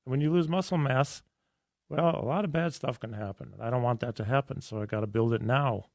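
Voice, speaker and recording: Hoarse, raspy man hosting a radio show. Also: medium pitch, a little fast, darkish tone, no echo, studio quality. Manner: enthusiastic, rambling with restarts. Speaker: radio health show host. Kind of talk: casual radio talk. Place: radio studio.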